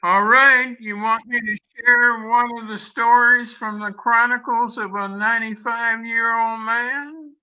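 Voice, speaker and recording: A man's voice: extremely high pitch, steady tone, unhurried, hardly any pauses. A man in his nineties, a guest on a video call, cheerfully telling a casual story about his daily life. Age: 90s. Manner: chatty, cheerful anecdote-telling. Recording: dull lo-fi video call audio.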